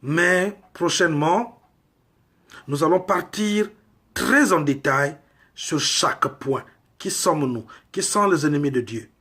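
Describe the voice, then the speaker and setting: Delivering a sermon, this male preacher from Congo speaks slowly and deliberately in a somewhat high, husky, breathy voice that sounds pushed, bright and expressive. Emphatic rhetorical questions carry his argument.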